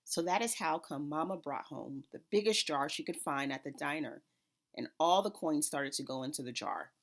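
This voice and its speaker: Low-pitched female narrator, expressive read-aloud of a picture book for young children. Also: moderate pace. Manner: expressive, acts out characters' dialogue. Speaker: school principal reading a picture book aloud.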